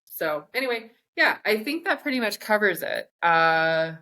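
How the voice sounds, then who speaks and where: A woman's voice: medium pitch, expressive, normal speed, sharp tone. A woman co-hosting a podcast in casual chat, telling stories in a joking, rambling way. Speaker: podcast co-host.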